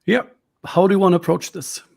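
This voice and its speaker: A man's voice: sits high, quick pace, creaky, darkish tone. A man with Swedish as his first language narrating a tabletop horror game as game master, rambling and searching for words.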